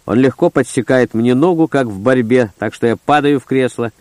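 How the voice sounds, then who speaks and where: A man's voice: mid-range voice, moderate pace, darkish tone, dry recording. A man reading a first-person story aloud in short, terse, gritty phrases. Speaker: audiobook narrator. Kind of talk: first-person audiobook narration.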